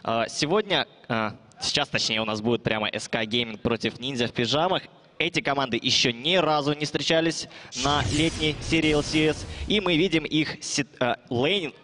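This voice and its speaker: A man's voice: on the high side, moderate pace, pushed and bright. A young man on a headset giving pre-match esports analysis as a broadcast commentator. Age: young adult.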